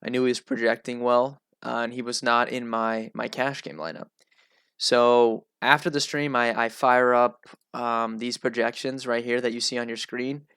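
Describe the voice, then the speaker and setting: A nasal-voiced man hosts a casual solo analysis show, keeping a chatty, relaxed tone. His delivery stays fairly level in pitch, with a gravelly fry underneath. The sound is close and dry. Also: normal speed, dry recording. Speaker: host.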